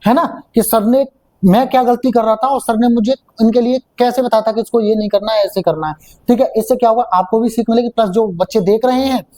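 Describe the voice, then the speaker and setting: A man's voice: very high voice, brisk, dark tone, poor audio. A man coaching students for an interview, explaining step by step and checking in often. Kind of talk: classroom coaching talk.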